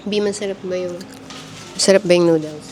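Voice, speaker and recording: A woman's voice: on the low side, fairly even intonation, brisk, darkish tone, faint music behind. A woman filming a family travel vlog, narrating casually to camera and chatting with her viewers as she shows a hotel laundry room and a convenience store. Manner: chatty, keeps addressing viewers as guys. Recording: noisy handheld vlog audio.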